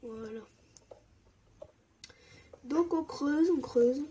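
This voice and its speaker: A young woman giving casual, excitable commentary while playing Minecraft. She often drops into a mumble or a whisper. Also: high voice, very slow, a little hiss or hum. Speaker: gaming YouTuber.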